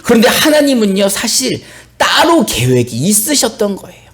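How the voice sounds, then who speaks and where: A male pastor preaching a sermon and reading scripture, telling the story with animated, acted-out flair. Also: sits high, normal speed. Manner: animated storytelling, acts out biblical characters.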